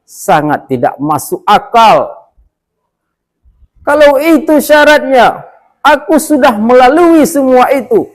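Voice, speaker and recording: An arrogant male devil, raging and shrill, hurls his refusal at the top of his voice, as a preacher acts him out. The voice jumps wildly up and down and stays slow and heavy. It is a storytelling sermon, not a cartoon. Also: very animated, husky, exaggerated voice, rough recording. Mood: furious. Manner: shouting high-pitched defiance.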